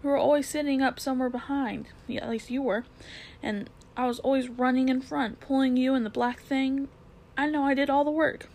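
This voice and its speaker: Slow dreamy talking horse from a storybook, woman reading it, voice a bit up. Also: high voice, fairly even intonation, a little mellow, voice pushed up. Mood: musing. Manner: slow and thoughtful. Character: slow, thoughtful old cab horse, muddled memory.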